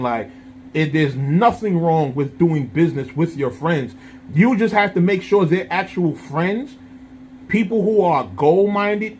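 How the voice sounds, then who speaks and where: High-voiced man in his thirties vlogging. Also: a little hiss or hum. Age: 30s. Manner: conversational, peppered with "you understand?" check-ins and street slang. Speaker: vlogger and channel host. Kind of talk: casual straight-to-camera monologue.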